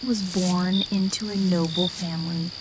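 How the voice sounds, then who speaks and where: A woman narrates a bedtime story in a slow, measured whisper, in an ASMR style. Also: lowish voice, fairly even intonation, heavy background noise.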